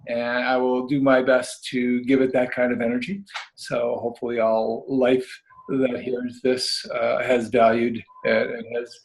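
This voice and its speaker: A man talks as the guest in a casual spiritual interview, his middle-pitched voice drifting from thought to thought in a folksy way. He calls the listeners pet names and keeps his delivery loose and unhurried. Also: slight background noise, rough recording. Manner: meandering, folksy, addresses listeners as babies and kiddies. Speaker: guest author.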